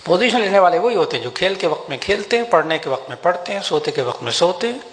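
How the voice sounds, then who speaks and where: Older man preaching in a reverberant hall. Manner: animated, rises in pitch for emphasis, slows for Quranic prayers. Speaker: religious scholar giving a talk. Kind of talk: Urdu sermon to an audience. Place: large hall with an audience. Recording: long hall reverb, faint background noise.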